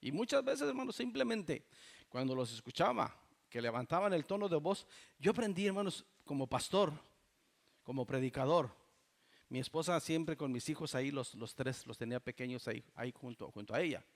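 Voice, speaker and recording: A man's voice: on the high side, lively intonation, normal speed, creaky. A man, preaching a fervent sermon as pastor and often addressing the congregation as brothers. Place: church.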